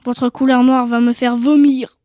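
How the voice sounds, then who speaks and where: A woman voicing a cruel male ogre in a storybook tale, with a loud, scolding character voice. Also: high voice, level tone, measured pace, no room sound, clean studio sound. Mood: scornful.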